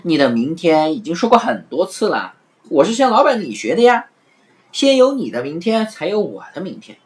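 This is a sly, playful trickster man from a children's storybook, calling out loud and bright. His voice leaps high above a plain speaking voice and swings widely up and down. A woman reading the story acts him out. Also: big pitch swings, moderate pace. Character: clever witty trickster man, teasing.

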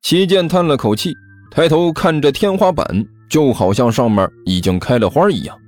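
A man narrating a serialized comic martial-arts story in an expressive, lively manner. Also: a little high, normal speed, soft background music.

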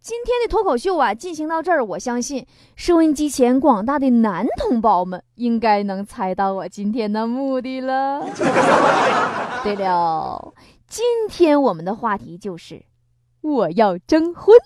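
A woman performs a stand-up comedy monologue on radio in a high, lively voice. She chats and laughs often, acting out quotes. Loud noise sits under the recording. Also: measured pace. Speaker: comedy show host. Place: radio studio.

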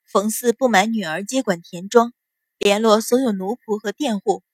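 A woman voicing a calm, sharp-witted young noble daughter who speaks with composed, cool sarcasm. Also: fairly high pitch, normal speed, no echo.

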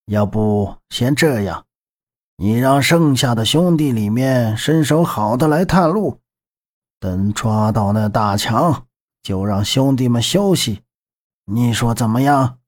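A calm, scheming middle-aged boss speaks slowly and softly, coaxing his partner in an audiobook, as a male narrator puts him on. His tone stays measured and persuasive. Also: medium pitch.

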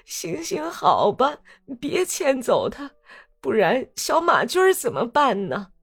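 A woman doing a stubborn hot-headed old grandpa, voice pushed up high. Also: wildly swooping pitch, slow, creaky, fairly bright tone, husky, exaggerated voice. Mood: pleading. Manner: pleading then defiant.

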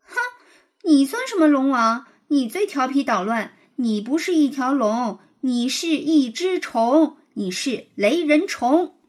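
A woman voicing a schoolgirl who cries easily, speaking with scornful, drawn-out words. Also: high voice, animated, full character voice. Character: crybaby schoolgirl, quick to scorn and tears.

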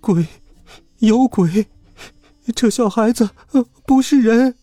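A man's voice: high voice, huge pitch swings, slow pace, darkish tone, slightly rough, no room sound, pitched above the performer's own voice, heavily acted. A man voicing a sly female child trafficker who coaxes in a sing-song voice and shrieks when frightened. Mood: panicked. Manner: coaxing sing-song, then shrieking in fear. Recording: dry close recording with faint music.

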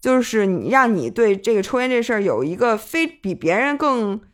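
A woman's voice: fairly high pitch, big pitch swings, normal speed. Upbeat woman giving confident advice. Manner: confident advice-giving, drops English words into her speech. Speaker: podcast co-host. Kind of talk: casual chat.

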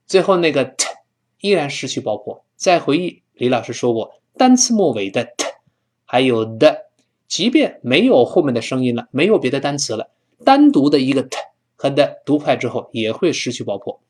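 A man whose first language is Mandarin, teaching English pronunciation, drawing out sounds slowly and repeating them for students to copy. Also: medium pitch, sing-song, a little mellow. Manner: slow drawn-out demonstrations of English sounds; fillers and restarts when explaining.

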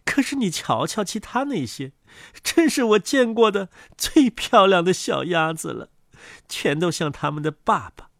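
A woman's voice: on the low side, lively intonation, measured pace, vocal fry, no room sound, clean studio sound, pitched below the performer's own voice. A woman voicing a tired, complaining mother duck sitting on her eggs in a storybook. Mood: weary, grumbling. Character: weary grumbling mother duck on her nest.

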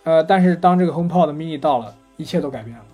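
Guy rambling through a funny story on a podcast, quick and a bit husky, kinda high voice. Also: faint music behind. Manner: chatty storyteller, animated retelling of anecdotes. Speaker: podcast co-host. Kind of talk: casual chat about gadgets.

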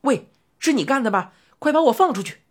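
A woman voicing a young girl in a storybook, who speaks in an excited, protesting way. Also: high voice, brisk, voice pushed up. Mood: indignant. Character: young girl, alarmed and indignant.

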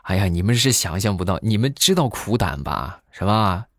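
A man in his thirties telling comic stories in a chatty way, filling pauses with drawn-out fillers. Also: fairly low pitch, very animated, no echo, studio quality. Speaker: comedy vlogger. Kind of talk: comic storytelling monologue.

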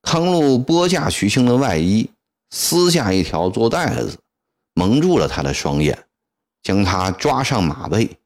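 Slow, low-voiced male storyteller. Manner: dramatic, expressive. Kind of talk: traditional storytelling narration.

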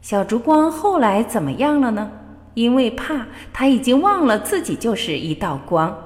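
Expressive woman reading spiritual reflections. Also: medium pitch. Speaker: radio host. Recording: long reverb with faint background music. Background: faint music.

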